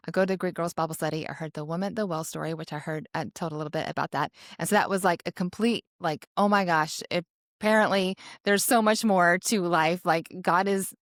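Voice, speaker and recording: A woman's voice: on the low side, dry recording, studio quality. A young adult woman co-hosting a podcast, telling a personal story in a chatty, casual way full of "like" and restarts. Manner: chatty, frequent "like" and self-corrections; animated when quoting herself. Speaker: podcast co-host.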